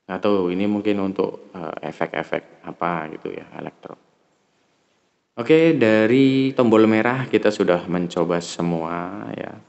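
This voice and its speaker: Speaking at a measured pace, a man with an Indonesian accent and a deep, gravelly, slightly mellow voice demonstrates gear hands-on as a product reviewer. He's animated yet informal, fumbling for words, and the recording's highs are cut off.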